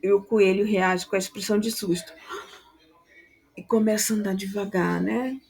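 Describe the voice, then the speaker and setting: A Brazilian woman teacher giving informal instructions to her students, often ending phrases with tag questions and drawing words out slowly. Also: medium pitch, fairly even intonation, gravelly, a little mellow, slightly rough. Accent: Brazilian Portuguese.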